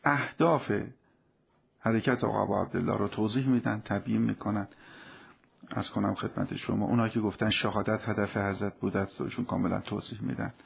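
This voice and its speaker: A man's voice: fairly low pitch, steady tone, vocal fry, breathy edge, dull audio. A man giving a religious talk as a radio guest, with a fervent, preacherly delivery that rises into passionate appeals.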